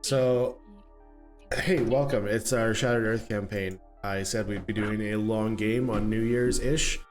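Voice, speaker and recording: A man's voice: lowish voice, steady tone, a little slow, faint music behind. A man in his late twenties hosting and running a tabletop game, chatting casually with many fillers. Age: late 20s. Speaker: game master and host. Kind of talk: casual chat.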